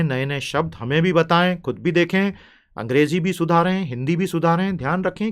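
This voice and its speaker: Lively Indian man teaching vocabulary. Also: a little high. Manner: chatty and playful, stretching out key words slowly. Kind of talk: spoken vocabulary lesson.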